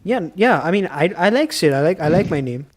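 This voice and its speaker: A man's voice: sits high, expressive, fairly quick, slight background noise. A young man co-hosting a casual podcast, pressing his friends with questions. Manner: questioning, pushes for explanations. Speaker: podcast co-host. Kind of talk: casual chat.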